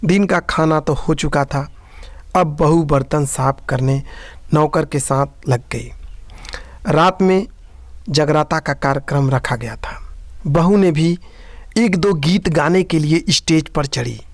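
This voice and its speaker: A man narrating a moral story with a steady storytelling delivery. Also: on the high side, slow, dry recording.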